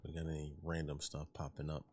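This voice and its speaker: A man's voice: very deep voice, monotone, fast talker, a little mellow, slight background noise. A man giving casual commentary while he plays a video game. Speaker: gamer commentator.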